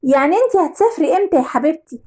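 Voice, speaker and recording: A woman voicing a calm, caring husband in a storybook tale, gentle and reassuring with an Egyptian Arabic accent. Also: sits high, racing. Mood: soothing.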